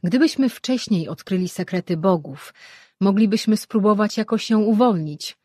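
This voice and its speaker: A woman voicing a thoughtful, worried sorceress in an audiobook, reading in a husky voice. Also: mid-range voice, expressive, normal speed, dark tone, no room sound, studio quality, pitched above the performer's own voice, close to an everyday voice.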